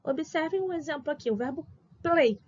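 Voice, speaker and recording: Brazilian lady teacher, high bright voice, slow patient examples, kinda dull lo-fi sound. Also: expressive. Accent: Brazilian Portuguese. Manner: patient, explains step by step with slow spelled-out examples. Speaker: English teacher. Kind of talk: recorded grammar lesson for adult school.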